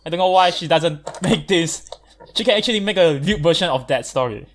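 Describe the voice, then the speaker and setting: A man's voice: on the high side, brisk. Male podcast co-host; casual and argumentative, swears when rattled. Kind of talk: casual chat.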